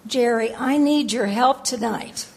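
A woman's voice: fairly high pitch, a little slow. A woman playing a firm, busy grandmother in an amateur church skit, insisting on family devotions.

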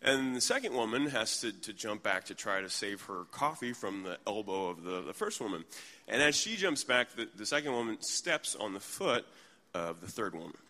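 A middle-aged man delivers a sermon with a bright, forceful edge and a voice sitting a little low. He talks conversationally and with humor, drifting into everyday stories. A long reverb from the hall trails behind his words. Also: moderate pace. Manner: conversational, humorous, animated when telling stories. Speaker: pastor. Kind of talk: sermon with storytelling. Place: church in New York.

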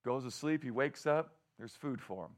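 A man preaching a sermon, telling a story in a conversational, mocking way, shouting at the peaks and dropping to quiet asides, often laughing. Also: mid-range voice, lively intonation, moderate pace.

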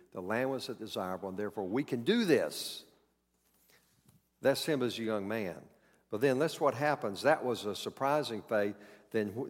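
A man's voice: mid-range voice, in a large hall. A man preaching a sermon in a conversational way, acting out quoted lines and repeating key words. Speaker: pastor.

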